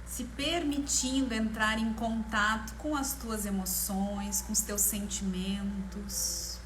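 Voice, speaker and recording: A woman with a Brazilian Portuguese accent leading a guided meditation in a slow, soothing manner, leaving long pauses between short phrases. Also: mid-range voice, fairly even intonation, rough recording. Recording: clear background noise, ambience. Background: ambient meditation music.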